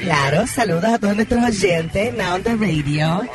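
A man's voice: sits high, expressive, normal speed. A man playing a chatty, theatrical woman who hosts an advice segment in a comedy radio sketch, exclaiming often. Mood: gossipy. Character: brassy gossiping woman advice-segment hostess. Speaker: advice segment host character. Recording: music playing behind.

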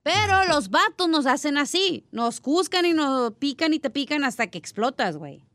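A woman's voice: high voice, very animated, normal speed, fairly bright tone, no room sound, clean studio sound. A woman with a Mexican accent co-hosting a radio show with blunt, teasing banter. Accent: Mexican Spanish. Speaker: radio co-host.

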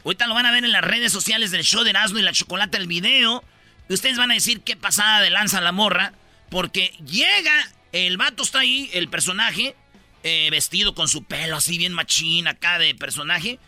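Mexican guy on a radio show, high bright voice, cracking jokes with slang, music under it. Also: fairly quick, no echo. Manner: joking, animated storyteller with slang. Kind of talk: comedic radio banter.

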